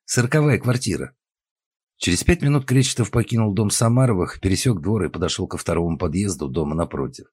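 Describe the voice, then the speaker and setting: A man narrating an audiobook with expressive storytelling. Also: sits low, fast talker, hardly any pauses, breathy edge, no room sound. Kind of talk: scripted narration.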